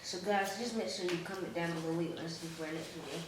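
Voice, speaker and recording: A man's voice: fairly high pitch, steady tone, fast talker. Man, casual mukbang chat, mouth full, echoey room, far from the mic, noisy. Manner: talking with food in his mouth. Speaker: vlogger. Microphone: camera set back from the table.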